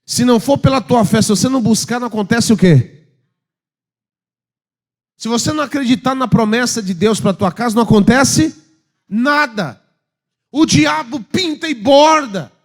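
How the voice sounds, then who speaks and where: High-voiced impassioned Brazilian pastor. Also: male voice, normal speed, pauses often. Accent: Brazilian Portuguese. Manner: impassioned preaching, swinging from loud urging to hushed asides. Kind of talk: sermon. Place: church.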